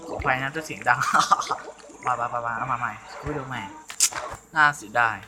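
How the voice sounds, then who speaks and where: A man giving excitable gameplay commentary with frequent exclamations, as host of a gaming channel. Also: mid-range voice, normal speed, very noisy.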